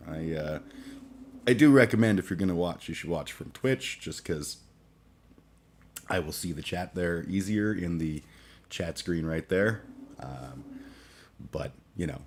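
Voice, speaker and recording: Groggy from a late night, this forties livestream host speaks in a low-pitched, darkish voice. His casual chat is halting and profane, packed with fillers and restarts.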